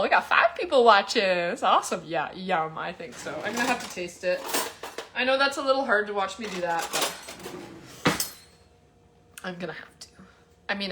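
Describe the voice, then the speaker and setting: A woman's voice: mid-range voice, fairly bright tone. A chatty woman hosting a casual live cooking demo from her home kitchen, talking to viewers and selling cookware. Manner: chatty, bubbly, talks to viewers. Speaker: cooking demo host and sales consultant.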